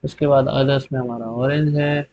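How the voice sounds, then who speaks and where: A man with a voice of middle pitch explains a spreadsheet tutorial step by step over a screen recording. His delivery is relaxed and repetitive, checking in with a quick "okay" as he goes. The recording sounds a little dull and lo-fi. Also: a little hiss or hum. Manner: relaxed step-by-step explaining, repeating "theek hai" often. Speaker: tutorial host.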